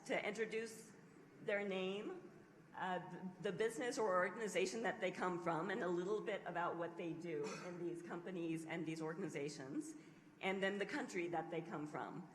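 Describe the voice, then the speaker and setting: A woman with a fairly low voice chairs a panel in a large conference hall. She asks long, carefully structured questions at a measured pace. The sound carries a long hall reverb with faint ambience behind it. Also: slight background noise. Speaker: panel moderator.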